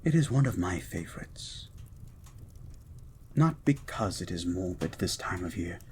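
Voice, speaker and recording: Man voicing Beast, a low, hushed romantic gentleman. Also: very animated, slight background noise. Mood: intimate, devoted. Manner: hushed, slow, formal, ardent. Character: Beast, gentle learned blue mutant, devoted romantic lover. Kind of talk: romantic poetry reading and intimate audio roleplay.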